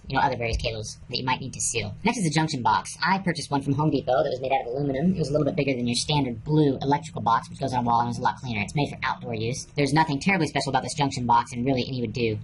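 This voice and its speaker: A man giving a methodical, explanatory how-to walkthrough as an instructor. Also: medium pitch. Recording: echoey, distant mic, faint noise.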